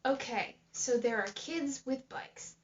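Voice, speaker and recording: A woman's voice: sits high, slow pace. A young woman co-hosting a casual podcast, rambling and jokey with a curious manner. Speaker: podcast co-host. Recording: dull lo-fi home recording.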